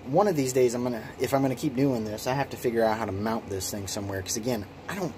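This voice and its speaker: Recorded on a phone camera amid background noise, a hobby kydex holster maker in his late twenties rambles through his small home workshop shed, self-deprecating and full of ums and restarts. His mid-range voice moves at a quick pace.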